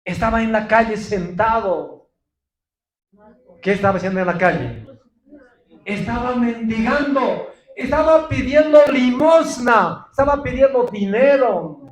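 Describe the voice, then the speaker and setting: A man's voice: very high-pitched, lively intonation, a little slow, roomy sound. A male pastor preaching a sermon with emphasis, often calling out to his listeners and answering his own questions. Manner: emphatic preaching, often addresses the congregation as brothers; asks questions and answers them himself. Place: church.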